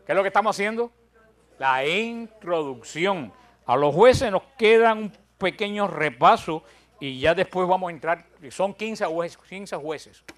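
A man's voice: sits high, expressive, normal speed, a bit bright. An older man teaching a Bible study, counting out his points with emphasis and telling self-deprecating stories with humor.

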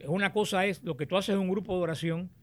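A man teaching on the Bible, explaining and reading scripture aloud in a deliberate, explanatory way. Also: high-pitched, fairly even intonation.

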